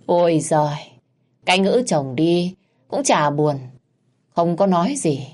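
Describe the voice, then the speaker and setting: A woman's voice: fairly low pitch, expressive, slow, darkish tone. A woman voicing a spiteful old mother-in-law who screeches, scolds and wails in a storytelling recording. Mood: mocking. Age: older.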